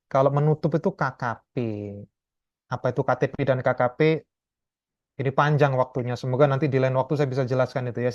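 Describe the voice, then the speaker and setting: A man lecturing a class over a video call, explaining step by step in a chatty way and often tagging his sentences with quick checks. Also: mid-range voice, no echo, highs cut off. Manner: chatty, explanatory, keeps adding tag questions. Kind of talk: online class talk.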